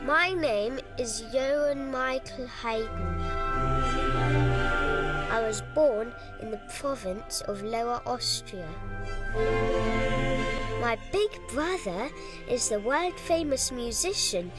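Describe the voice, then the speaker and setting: A woman voicing a modest, friendly male court composer who calmly tells his own story for an audio guide. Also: on the high side, slow pace, long pauses, loud music behind the voice.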